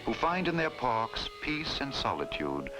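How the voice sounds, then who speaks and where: A man reading scripted, poetic documentary narration in a solemn, grand, oratorical manner with dramatic pauses. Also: mid-range voice, wildly swooping pitch, poor audio. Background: loud music.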